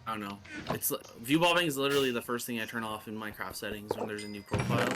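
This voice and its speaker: A man's voice: lowish voice, fairly even intonation, racing. A man from Canada, casually joking and riffing on words while playing a game on a livestream. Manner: joking, playful, riffs on words. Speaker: co-player on a livestream. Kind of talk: casual gaming chat. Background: game music.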